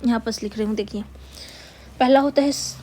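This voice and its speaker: Woman, grammar teacher, slightly high voice, dictates word by word, rhetorical questions, faint hiss. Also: warm tone. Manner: patient, repeats key words and asks rhetorical questions; dictates slowly word by word while writing. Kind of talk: Hindi grammar lesson.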